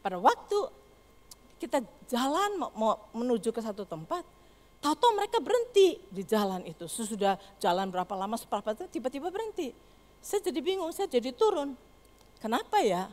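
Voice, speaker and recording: An older woman preaching a sermon, telling a story with animated, acted-out voices. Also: a little high, a little fast. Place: church hall. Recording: long hall reverb.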